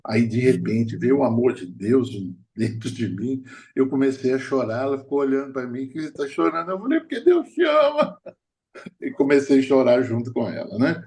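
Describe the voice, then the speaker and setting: Man preaching with storytelling warmth. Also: medium pitch, fairly even intonation, brisk. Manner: storytelling, hesitant restarts, laughing at own stories. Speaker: prophet preacher. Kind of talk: sermon.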